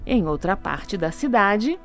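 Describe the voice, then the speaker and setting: A woman's voice: mid-range voice, sing-song, takes it slowly, a bit bright, faint music behind. A woman narrating a scripted children's story.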